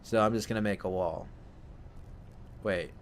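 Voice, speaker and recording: A man casually commenting while he plays a video game, thinking out loud and often correcting himself. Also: lowish voice, unhurried, a little hiss or hum. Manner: rambling, self-correcting, thinking aloud. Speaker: let's play host.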